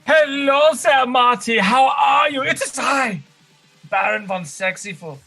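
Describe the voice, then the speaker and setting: A high, bright, strutting nobleman who adores himself and shouts it out, as a man puts on the persona. He is boastful and theatrical. The sound comes over a remote call. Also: a little slow, gravelly, soft background music, heavily acted. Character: flamboyant vain adult male baron, loud and preening. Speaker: competing artist.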